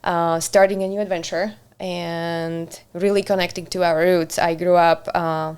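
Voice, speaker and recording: A friendly woman, her voice sitting a little low and sounding smooth and resonant. She talks casually as a podcast guest, pausing often on "uh" and laughing easily. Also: flat delivery, a little mellow. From Slovakia. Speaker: podcast guest, community center director. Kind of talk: casual interview chat.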